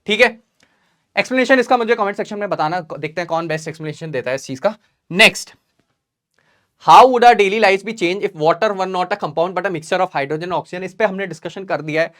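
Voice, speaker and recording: A man's voice: on the high side, fairly bright tone. A young man teaching a revision lesson, asking rhetorical questions and checking in often with his students. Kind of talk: exam revision lesson mixing Hindi and English.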